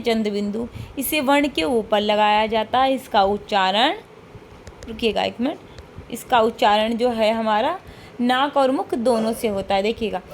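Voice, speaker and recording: A woman's voice: fairly high pitch, a little hiss or hum. A woman teaching an online class, explaining step by step and repeating key points with frequent checks and rhetorical questions.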